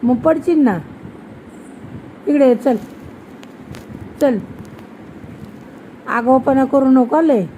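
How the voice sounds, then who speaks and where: Slow, coaxing young mother. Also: sits high, mellow, lo-fi sound, a little hiss or hum. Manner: slow, sing-song coaxing, repeating questions. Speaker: mother talking with her toddler. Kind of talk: casual coaxing chat with a small child.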